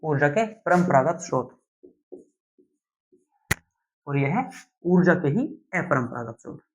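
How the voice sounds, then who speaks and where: A young man, teaching a class lesson slowly and deliberately, often checking in with his students. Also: a little high, animated. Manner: slow, deliberate explaining with frequent "theek hai" check-ins. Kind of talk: classroom lecture. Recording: dull lo-fi sound.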